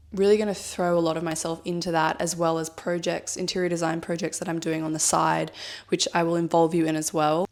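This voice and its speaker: Speaking to camera in a reflective personal vlog, a woman in her thirties muses aloud in a thoughtful, rambling way, leaning on fillers like "like" and "I guess." Her voice is fairly low and slightly husky because she has a cold.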